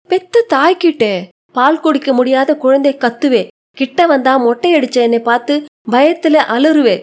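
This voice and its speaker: A woman's voice: sits high, a little mellow, close to an everyday voice. A woman reading a short story aloud, voicing an aged widowed grandmother who reproaches and pleads in old-fashioned homely speech. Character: aged widowed grandmother, grieving yet resolute.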